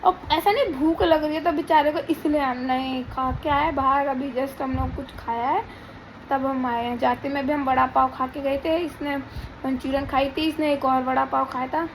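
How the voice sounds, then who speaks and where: Young pregnant woman, high voice, rambling casual vlog chat at home, faint room hum. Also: fairly even intonation, moderate pace, rough recording. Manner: chatty, rambling, teasing her husband. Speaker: vlogger. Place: home indoors.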